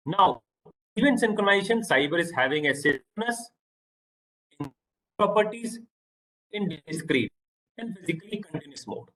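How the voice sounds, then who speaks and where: A man with an Indian English accent giving a halting online lecture over a video call, often repeating words. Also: sits high, a bit bright, poor audio.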